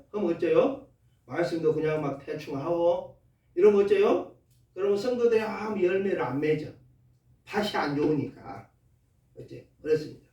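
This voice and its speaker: A Korean pastor with a preaches in a folksy, lively way, throwing rhetorical questions at his congregation. His voice sits high for a man. It rings through an echoey church hall and sounds a little distant from the mic. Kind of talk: sermon. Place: church sanctuary.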